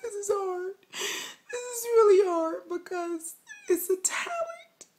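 Snotty crying, overwhelmed sobbing woman, extremely high whimpering pitch, halting phrases breaking into whispers, vlog confession. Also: big pitch swings, exaggerated voice. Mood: tearful, struggling. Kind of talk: mock-crying confession to camera. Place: small room indoors. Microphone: phone or webcam at arm's length.

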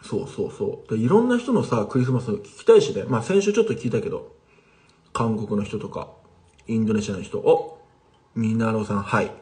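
A man's voice: mid-range voice, big pitch swings, a little fast, dark tone. A man teaching casually on a livestream, chatting with viewers and replying to their comments. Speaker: language teacher streaming live.

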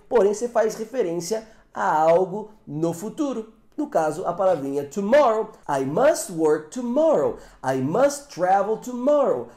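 Lively Brazilian male English teacher. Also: high-pitched. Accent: Brazilian Portuguese. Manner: explanatory, often checks in with "tá?". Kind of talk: online English grammar lesson. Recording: echoey room.

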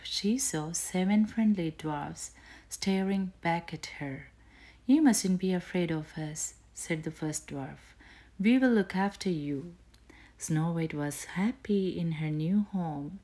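A woman reading a bedtime story aloud in a soft, often whispered narration. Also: deep voice, breathy edge.

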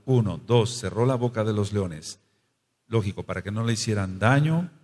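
A man with a Mexican accent teaching a scripture study, who explains and exhorts in short phrases with quick asides. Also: fairly low pitch. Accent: Mexican Spanish. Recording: long reverb.

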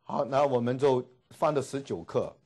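A man teaching a classroom lecture, repeating each word slowly and filling pauses with drawn-out particles. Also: medium pitch, darkish tone. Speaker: Greek language teacher. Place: classroom with students.

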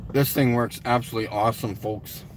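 This street activist and vlogger, a middle-aged Canadian, talks a little fast in a medium-pitched, fairly even voice. He makes short blunt remarks and calls out slogans to people passing, recorded poorly inside a parked or slow-moving car with vehicle noise.

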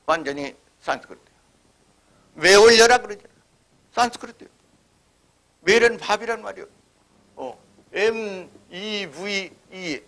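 A man's voice: high-pitched, lively intonation, unhurried, pauses often, bright, forceful tone. A man giving a history lecture at a forum, speaking emphatically and imitating regional dialect phrases as examples.

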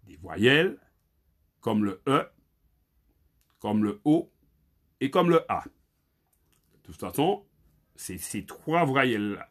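Husky man teaching spelling, lively pitch. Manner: halting, repeats words, spells letters aloud. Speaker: Creole language teacher. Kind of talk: spoken spelling lesson.

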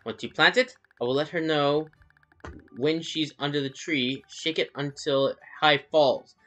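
A man's voice: a little high, measured pace, bright, forceful tone, pitched above the performer's own voice. A man voicing a smug, polite, scheming schoolboy in a put-on British accent, with prim, clipped phrasing.

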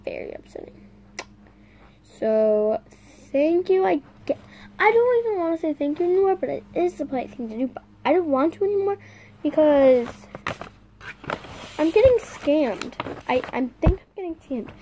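Female vlogger, high mellow voice, unhurried, halting, complaining to viewers. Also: lively intonation, a little hiss or hum. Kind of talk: casual unboxing chat to viewers.

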